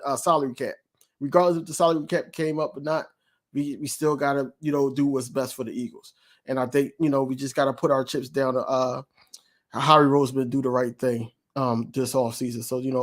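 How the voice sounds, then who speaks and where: A man on a sports podcast panel, chatting loosely with lots of fillers and restarts. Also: medium pitch. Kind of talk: casual sports chat.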